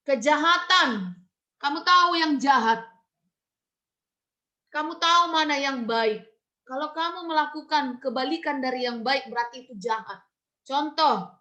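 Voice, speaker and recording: A woman teaching a children's religion lesson on a video call, acting out kids' excuses in quick quoted voices. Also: fairly high pitch, pushed and bright. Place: home room on a video call.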